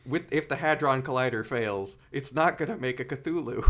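A man's voice: mid-range voice, moderate pace, a bit bright. A man appearing as a guest on a movie podcast, making dry, wry remarks in casual chat.

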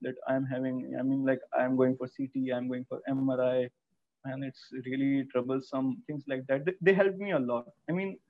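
A young man with a North Indian accent giving a personal account in an interview, speaking haltingly with frequent restarts. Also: mid-range voice, fairly even intonation, no echo. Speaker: interview guest, cancer survivor. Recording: thin, phone-like call audio.

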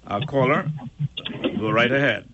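A man hosting a call-in radio show, speaking in a measured way with frequent pauses and fillers. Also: medium pitch, muffled recording, noisy background.

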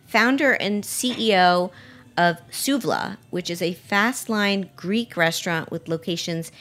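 A woman's voice: mid-range voice, measured pace, a bit bright. A woman hosting a food radio show, chatting casually with her guest and restarting her sentences often. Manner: chatty with frequent restarts and laughs. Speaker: podcast host. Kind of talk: casual radio interview chat.

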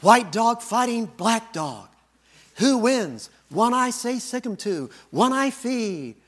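A man's voice: extremely high pitch, very animated, takes it slowly, fairly bright tone, pitched above the performer's own voice, heavily acted. A man voicing an old male chief who speaks in terse, clipped phrases. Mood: grave.

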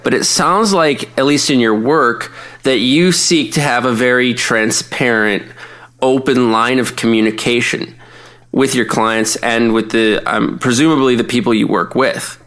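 A man's voice: medium pitch, fairly even intonation, a bit bright. Articulate male podcast host. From Minnesota, USA. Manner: articulate, measured questioning. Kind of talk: casual conversation.

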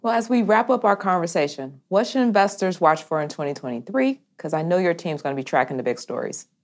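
A woman working as a podcast host, reading scripted lines in a polished, clearly phrased way. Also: lowish voice, expressive, fast talker, a little mellow. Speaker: podcast host, multimedia editor.

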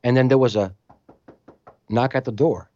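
A man telling a story in casual conversation, animated and acting out other people's voices, in a slightly muffled recording. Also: mid-range voice, normal speed. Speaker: storytelling guest musician.

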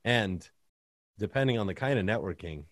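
A man hosting a casual podcast, joking and animated as he talks over a video call. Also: fairly low pitch, normal speed, no echo, clean studio sound. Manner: animated, joking, sings the intro. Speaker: podcast host.

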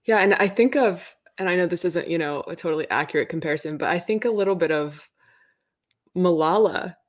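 A woman interviewer asking thoughtful, measured questions with some fillers. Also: lowish voice. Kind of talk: conversational interview.

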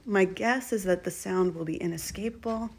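A woman leading a guided breathing and relaxation exercise, giving gentle instructions with candid, informal asides. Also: mid-range voice, moderate pace, creaky.

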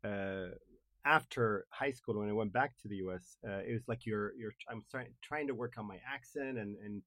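A man's voice: lowish voice, sharp tone, no echo. A man with a Gulf Arabic accent and Arabic as his first language, speaking hesitantly in a casual group conversation. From Kuwait. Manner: hesitant, halting. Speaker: discussion panelist.

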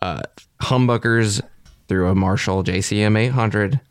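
Man, co-host, casual chat, enthusiastic, searching for words, fairly low voice. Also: measured pace, clean tone, dry recording. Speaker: podcast co-host.

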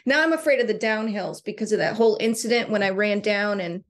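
A woman co-hosting a podcast in casual chat, telling stories with animated delivery and frequent laughter. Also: mid-range voice, fast. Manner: storytelling, animated, laughs often. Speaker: podcast co-host and coach.

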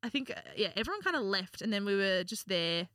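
Young aussie girl on a podcast, bright voice, laughs a lot, dry close mic. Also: mid-range voice, fast talker, no echo. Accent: Australian. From Australia. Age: young adult. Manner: animated storytelling, laughs often. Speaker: podcast co-host. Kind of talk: casual chat.

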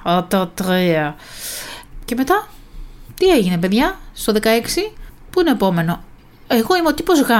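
A young woman hosting a casual solo podcast, chatty and self-mocking as she talks straight to the listener. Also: mid-range voice. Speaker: podcast host.

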